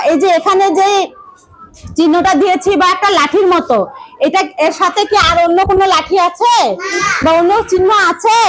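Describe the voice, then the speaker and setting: A woman's voice: very high-pitched, fairly bright tone. A woman from Bangladesh teaching young children in a classroom, patiently repeating instructions and asking questions. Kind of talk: classroom lesson for small children.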